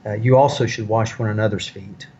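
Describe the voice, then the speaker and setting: Man, fairly low voice, Bible study teacher, muffled lo-fi audio. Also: steady tone, brisk, dark tone, a little hiss or hum. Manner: explanatory, thoughtful, with frequent fillers. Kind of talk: conversational Bible study discussion.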